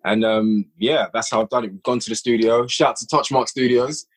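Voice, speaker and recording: On a podcast, a young guest with a slightly husky, medium-pitched voice chats casually about how he writes and directs audio stories. He sounds eager and animated, now and then breaking into quick bursts of energy.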